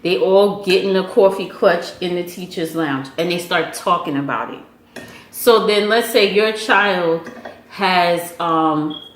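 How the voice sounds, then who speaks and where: A woman's voice: on the low side, slow. Motherly woman giving parenting advice. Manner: motherly, advising, teasing. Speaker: parent and vlog host. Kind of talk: casual family chat and advice. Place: home room at a meal. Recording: echoey room with faint noise.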